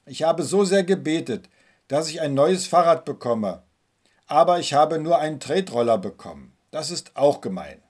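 A husky-voiced man playing a small, hot-tempered boy who whines and complains as he tells a story in a sermon. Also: a little high, very animated, normal speed, a little mellow. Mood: sulky complaint. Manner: complaining, pleading.

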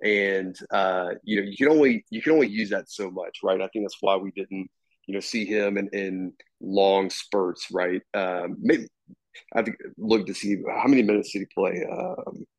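A man with a fairly low voice talks through a game in loose, casual sports chat. He stops and restarts often and leans on fillers as he thinks aloud. The sound is dry and close, with no room around him. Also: no room sound. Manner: halting, many restarts and fillers. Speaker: podcast co-host.

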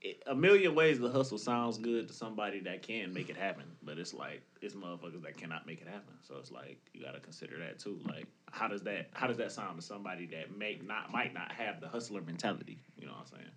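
Husky low Detroit man, questioning. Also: fairly bright tone. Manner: questioning, quick to laugh. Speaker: podcast co-host. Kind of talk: casual chat.

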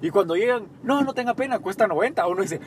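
Young Guatemalan man, co-host, high animated voice, playful storyteller in a car. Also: fast talker, slight background noise. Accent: Guatemalan Spanish. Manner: storytelling, acts out quoted dialogue, joking. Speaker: podcast co-host, small bakery owner. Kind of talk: casual chat. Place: inside a car, parking.

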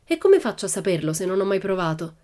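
A woman reading an audiobook, voicing a bold, carefree little girl who talks loudly and emphatically. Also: big pitch swings, fast talker, close to an everyday voice. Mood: cheeky. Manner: loud, emphatic and high-spirited.

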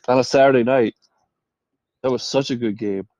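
Opinionated man with a mellow, dull-sounding voice. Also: medium pitch, steady tone, no room sound. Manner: opinionated, chatty, quick to tease. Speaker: sports podcast co-host. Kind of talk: casual sports chat.

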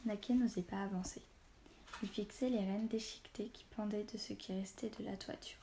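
A woman narrating a story in a calm, measured reading voice. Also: mid-range voice, creaky, slight background noise.

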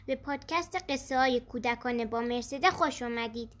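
A woman hosting a children's story podcast, reading a bedtime story gently and expressively. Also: a little high.

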